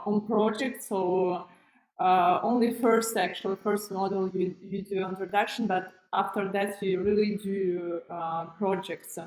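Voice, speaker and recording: A school founder in her thirties from Kazakhstan presents a live webinar through her computer webcam, in video call framing, speaking with lots of fillers and restarted phrases. She's indoors in front of a plain wall, and her medium-pitched voice comes through reverberant on a low-quality recording.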